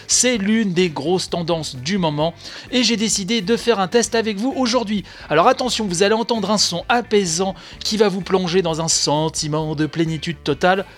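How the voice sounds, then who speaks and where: High-voiced joking French podcast man. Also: moderate pace. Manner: jokey, self-mocking, chatty asides. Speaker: podcast host. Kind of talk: daily gaming news podcast.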